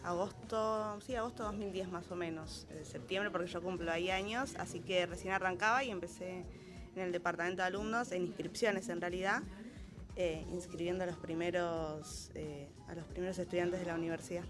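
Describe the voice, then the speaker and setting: A woman's voice: on the low side, fairly even intonation, a little fast. A woman in her thirties with an Argentine Spanish accent, giving a casual testimony about her job with many hesitant fillers. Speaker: university staff member interviewed.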